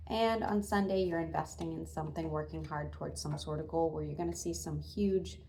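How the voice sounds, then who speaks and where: A woman's voice: low-pitched, steady tone, brisk, gravelly, warm tone, a little hiss or hum. Chatty woman giving a casual tarot reading. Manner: chatty, with many fillers and restarts, speaking straight to viewers. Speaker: tarot reader.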